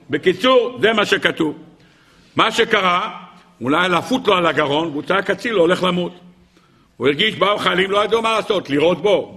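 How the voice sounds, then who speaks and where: A man, a rabbi giving a weekly Torah lesson as an animated storyteller who acts out the shouts in his stories. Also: on the high side, husky.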